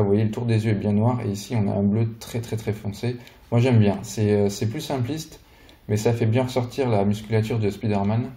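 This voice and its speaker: Toy reviewer, man, low and very dark voice, easygoing chatty delivery. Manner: relaxed, chatty, hesitant fillers. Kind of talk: casual product walkthrough.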